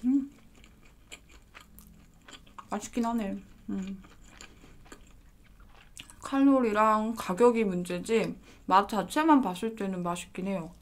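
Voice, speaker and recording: A woman's voice: medium pitch, slow pace, pauses often. A woman giving a casual mukbang food review in a polite, chatty manner, talking while chewing with her mouth full.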